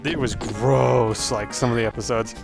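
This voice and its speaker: A man's voice: medium pitch, steady tone, moderate pace, vocal fry, over music. A man co-hosting a casual gaming livecast, chatting knowledgeably about retro games and cartoons. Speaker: livecast co-host.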